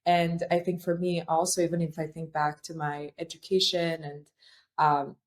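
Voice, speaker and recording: A woman's voice: low-pitched, level tone, moderate pace. A young woman from Albania, a founder, talking thoughtfully in a podcast interview with many fillers and restarts. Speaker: guest, startup founder.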